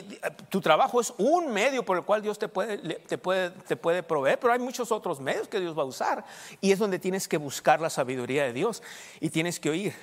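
A man preaching a sermon as pastor, emphatic, swinging between loud and soft and checking in with the congregation. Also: sits high. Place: church. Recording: long church reverb.

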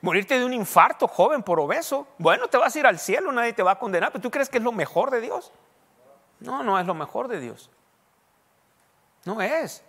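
A pastor preaches in a loose, conversational way, then pushes up into emphatic questions. His voice sits high for a man. The sound carries the long reverb of a large church hall. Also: very animated, normal speed, fairly bright tone. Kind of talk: sermon.

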